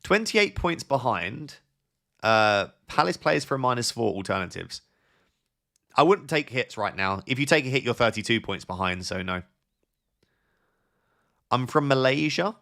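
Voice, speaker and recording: A young man hosting a casual live stream, reading viewers' messages aloud and thinking out loud with quick, offhand advice. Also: mid-range voice, animated, creaky. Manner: thinks aloud with fillers and restarts. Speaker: live-stream host answering chat.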